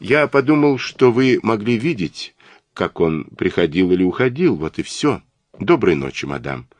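A man's voice: on the low side, big pitch swings, normal speed, no room sound. A man voicing Poirot, a terse old detective. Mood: polite. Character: fastidious elderly male detective, terse and commanding.

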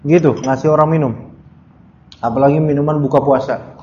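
A young male preacher from Jakarta gives a religious study lecture in a chatty, conversational way. His voice sits a little high for a man. He keeps turning to the listeners with asides, and the lo-fi recording sounds dull and muffled. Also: fairly even intonation, a little fast, mellow. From Jakarta, Indonesia. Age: under 40. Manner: chatty, addresses audience directly with frequent asides. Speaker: Islamic preacher.

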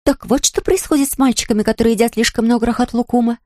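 A woman's voice: a little high, steady tone, fast talker, darkish tone, no room sound, lightly acted. A woman reading an audiobook, voicing a playful young woman who puts on a haughty, theatrical manner, in a dry studio.

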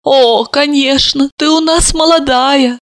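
A woman voicing a shrill, hysterical older mother who shrieks and scolds her grown daughter. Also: fairly even intonation, slow pace, no room sound. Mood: indignant. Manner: shrieking, scandalized, dramatic.

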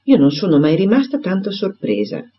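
A man reading aloud and voicing a quick, spirited young gentlewoman who fires off exclamations and questions. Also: sits high, huge pitch swings, breathy edge, pitched above the performer's own voice, heavily acted. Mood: flustered. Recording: dull lo-fi recording.

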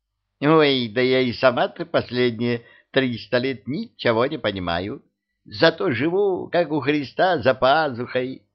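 A man's voice: medium pitch, lively intonation, measured pace, close to an everyday voice. A man voicing a homely, cunning old witch held in chains, chatty, folksy and coarse. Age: older. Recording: dull lo-fi audio.

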